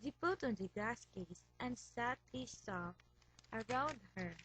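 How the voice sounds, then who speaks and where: A woman reading a fairy tale aloud as storyteller, slow and careful. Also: a little high, expressive, fairly bright tone, breathy edge, poor audio.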